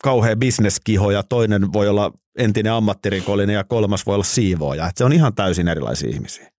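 Male interview host: lowish voice, relaxed and curious, uses easy fillers, dry close sound. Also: no echo. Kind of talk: casual interview.

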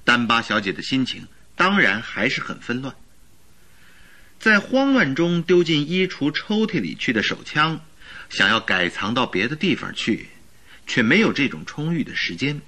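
A man's voice: mid-range voice, very animated, moderate pace, pushed and bright, exaggerated voice. A man playing an earnest, eager doctor and detective's companion in a radio drama, explaining with emphasis. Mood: earnest, reasoning. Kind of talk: Mandarin radio drama acting.

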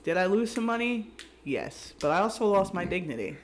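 A man's voice: sits high, big pitch swings, fairly quick, a little hiss or hum. A man co-hosting a casual podcast, rambling and joking, swearing freely. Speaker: podcast co-host. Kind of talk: casual chat.

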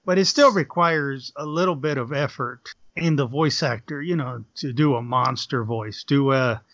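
A man's voice: medium pitch, moderate pace, a bit bright, no room sound. A man chatting casually on a podcast, laughing often and full of fillers. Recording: dull lo-fi dry sound.

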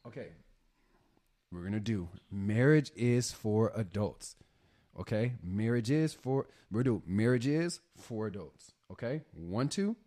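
A man's voice: on the low side, expressive, a little slow, dark tone. A man co-hosting a marriage podcast in casual chat, playful and hyping up his listeners. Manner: hyped, playful, hypes up the audience. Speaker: podcast co-host.

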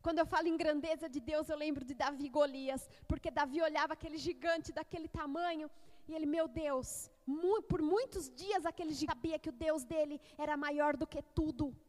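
A woman's voice: high voice, fairly even intonation, moderate pace, darkish tone. A woman preacher delivering a fervent sermon and reading scripture aloud, speaking directly to her congregation. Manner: fervent, calls on the congregation to repeat. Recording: long reverb of a hall.

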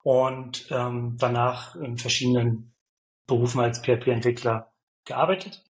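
Male guest, mid-range voice, halting and filler-heavy. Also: medium pitch, fairly even intonation, poor audio. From Berlin. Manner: hesitant, many fillers and restarts. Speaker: podcast guest, software developer. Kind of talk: interview answers.

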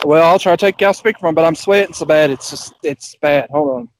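A man's slightly high voice comes through a phone on speakerphone as he joins a casual podcast chat. He talks fast and loose, with slangy, offhand phrasing. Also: a little hiss or hum, poor audio. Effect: heard over a phone on speakerphone. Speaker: podcast co-host.

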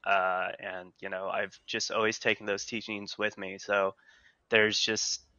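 Guy talking kinda earnest, lowish bright voice, dull dry mic. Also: little pitch movement, dry recording. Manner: earnest, halting with fillers. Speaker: guest player. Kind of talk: casual chat.

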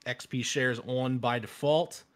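A man's voice: mid-range voice, steady tone, unhurried. A man in his thirties hosting a casual gaming chat, blunt and opinionated, rambling with restarts. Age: 30s. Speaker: podcast host.

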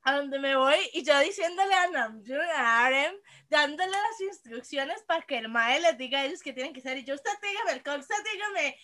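A woman with a Costa Rican accent recounting dreams in casual chat, animated and swearing freely, slipping into English. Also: high-pitched, a little fast. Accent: Costa Rican Spanish.

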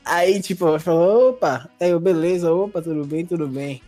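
A man with a Brazilian accent telling a story in a casual chat, animated and laughing as he acts out the people in it. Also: on the high side, moderate pace, faint music behind. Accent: Brazilian Portuguese.

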